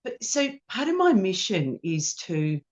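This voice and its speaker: A woman's voice: mid-range voice, measured pace. An Australian woman tells stories from her performing life in an interview, acting out what people said along the way. The recording sounds dull and lo-fi. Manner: animated anecdotes with acted-out quotes. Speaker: ukulele teacher and performer. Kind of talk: storytelling in an interview.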